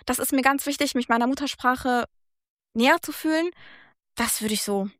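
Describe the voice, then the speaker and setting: As a guest in a relaxed chat, a German-born and -raised woman reflects earnestly, talking in long, considered stretches. She has a high, fairly bright voice at a moderate pace, and the studio recording is dry and clean.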